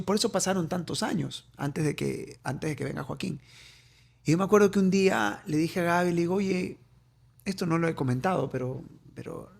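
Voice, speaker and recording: A man's voice: high voice, vocal fry. A middle-aged man with an Ecuadorian accent, a coach and author, telling a personal story as an interview guest, often repeating phrases for emphasis.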